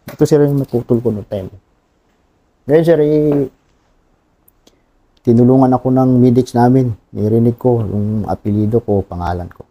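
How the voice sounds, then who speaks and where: A Filipino man in his thirties, a wounded soldier telling his war story in an interview, talking plainly and haltingly and often adding a polite "sir". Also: medium pitch, highs cut off. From Philippines.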